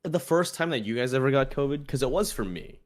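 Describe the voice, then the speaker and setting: Raspy-voiced man chatting. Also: mid-range voice, animated, fast talker. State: throat still sore after illness. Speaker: podcast co-host. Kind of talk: casual chat.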